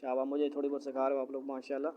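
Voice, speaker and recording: A male Quran teacher reciting verses quickly and explaining their grammar slowly to a class of students, often asking them questions. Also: mid-range voice, monotone, dark tone, slight background noise. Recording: dull lo-fi classroom recording.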